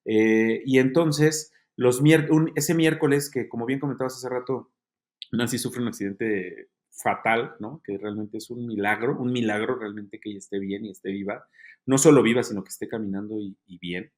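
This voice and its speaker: A man, a guest giving an earnest, halting testimony in an interview, with many fillers. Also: mid-range voice.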